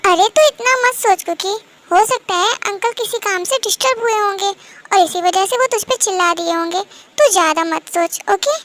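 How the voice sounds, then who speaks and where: A woman's voice: extremely high pitch, normal speed, noisy background. A woman voicing an easygoing young best friend who talks casually and reassures in a fan-dub audio drama. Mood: reassuring.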